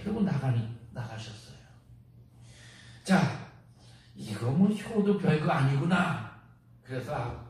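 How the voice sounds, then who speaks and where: A man's voice: fairly high pitch, a little mellow. A middle-aged male pastor delivering a storytelling sermon, speaking directly to the congregation in a large church. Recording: very echoey hall from far off.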